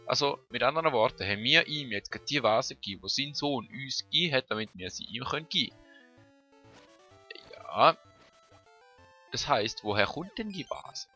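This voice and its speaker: A man's voice: mid-range voice, expressive, normal speed, long pauses, faint music behind. A man with a Swiss German accent giving casual, chatty commentary over a video game he plays, often muttering to himself. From Switzerland. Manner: chatty, muttering to himself, bursts of frantic shouting. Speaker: let's play host.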